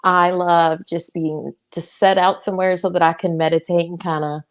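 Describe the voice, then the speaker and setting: A woman's voice: fairly low pitch, little pitch movement, moderate pace. A young woman with a Southern US accent, a wrestler chatting as a guest in a casual interview, laughing often and drawing out her words.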